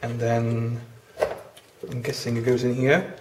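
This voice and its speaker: Speaking a little slowly, this Bosnian guest cook, who also judges orchids, explains his kitchen demo one step at a time in a mid-range voice with little pitch movement. The casual session sounds roomy, with faint background noise.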